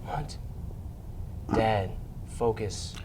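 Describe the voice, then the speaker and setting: A man's voice: fairly even intonation, extremely slow, a little mellow. An actor playing a frustrated young man pressing his father for answers. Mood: strained. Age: young adult. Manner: earnest and pressing, low-key. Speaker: grown son. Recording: noisy background.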